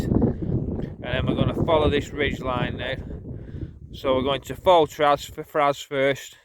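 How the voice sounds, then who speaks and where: A man with a Lancashire accent casually narrating a hiking vlog outdoors on an open, windy mountainside. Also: mid-range voice. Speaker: solo hiker vlogger. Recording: loud wind noise hitting microphone. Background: strong wind.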